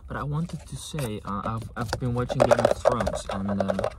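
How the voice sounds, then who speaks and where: A non-native English-speaking man in his twenties chatting casually for ASMR, soft-spoken and halting, sometimes slipping into a whisper. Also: mid-range voice. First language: not English. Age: 20s. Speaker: ASMR video creator. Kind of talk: ASMR, casual rambling chat to camera. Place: inside a parked car with engine off. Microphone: close to camera behind steering wheel. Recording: clicking, tapping and handling noise throughout. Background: loud clicking and tapping.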